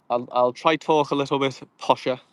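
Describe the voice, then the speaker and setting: A man's voice: mid-range voice, clear, resonant tone, no echo. A young man with a Scouse accent, chatting casually and laughing often as he fishes outdoors and answers viewer comments. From Liverpool, England. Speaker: fishing vlogger. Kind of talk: casual live-stream chat while fishing. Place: outdoors by cold water.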